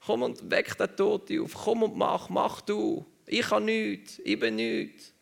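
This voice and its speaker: A desperate, self-effacing prophet man begs heaven for help in a strained, high voice, as a preacher acts him out in a sermon. The pitch climbs well above his usual tone. It sounds gravelly at the edges. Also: very animated, measured pace, full character voice. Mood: pleading. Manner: high, crying plea.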